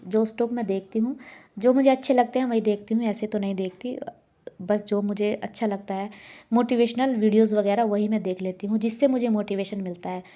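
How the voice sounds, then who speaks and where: Woman, 30s, homemaker vlogger; earnest, encouraging casual talk, dark relaxed timbre. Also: medium pitch. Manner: earnest, encouraging, repeats herself. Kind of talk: casual motivational vlog talk.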